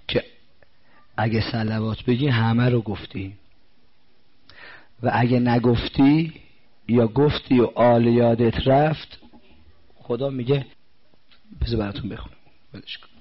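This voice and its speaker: Man, low husky voice, sermon, asks listeners questions, slow recitations, muffled lo-fi sound. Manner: questions the audience directly and recites scripture slowly. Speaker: religious preacher. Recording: dull lo-fi recording.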